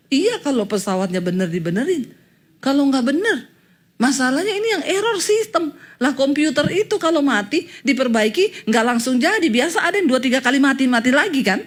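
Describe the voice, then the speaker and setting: A woman pastor preaching a sermon and telling a personal story in an animated way, acting out what others said. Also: high-pitched, brisk.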